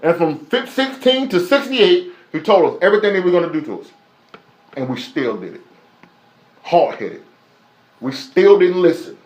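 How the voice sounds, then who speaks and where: High-voiced preacher, echoey room. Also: male voice, big pitch swings, normal speed, pauses often, darkish tone. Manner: emphatic, repetitive preaching with rhetorical questions. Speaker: preacher teaching a Bible lesson. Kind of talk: live-streamed sermon.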